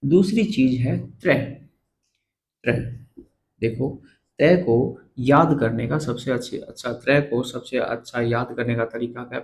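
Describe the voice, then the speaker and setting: A male grammar teacher giving a blackboard lesson on letters, slowly repeating each term and asking the viewer to say it back. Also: medium pitch, a little mellow, poor audio. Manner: slow, repeats terms and quizzes the viewer.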